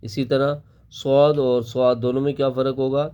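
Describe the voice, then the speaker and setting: A man of medium pitch with a flat delivery and dark tone teaches how to pronounce Quran letters. His slow, step-by-step recitation lesson explains each sound, then drills it syllable by syllable.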